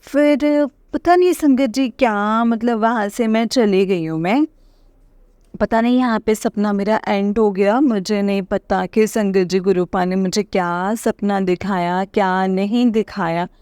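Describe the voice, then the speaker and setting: A woman's voice: mid-range voice, a little slow, a little mellow, clean tone, no echo, studio quality. Hesitant woman rambling through a dream. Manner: rambling, hesitant, many fillers and restarts. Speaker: devotee sharing a dream experience. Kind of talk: casual spoken testimony.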